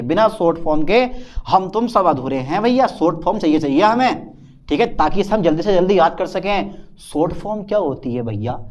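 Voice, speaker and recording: Male teacher, higher pitch, Hindi accent, jokey coaxing classroom lecturer. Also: a little mellow, highs cut off. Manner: chatty, playful, addresses students as beta and sahab. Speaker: chemistry teacher. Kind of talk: chalkboard lecture.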